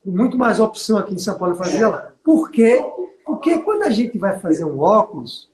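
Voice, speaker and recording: With big pitch swings in a high, darkish voice, a middle-aged Bahian man talks a little fast as a business mentor, spinning stories and seeking the listener's agreement. His Northeastern Brazilian accent comes through on a reverberant, low-quality recording.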